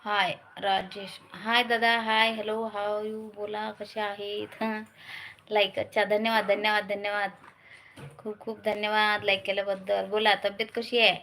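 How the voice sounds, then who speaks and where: A woman's voice: medium pitch, little pitch movement, unhurried, pushed and bright, a little hiss or hum. A woman from Maharashtra with a Marathi accent, hosting a casual live stream, greeting viewers by name and urging them to like and subscribe. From Maharashtra, India.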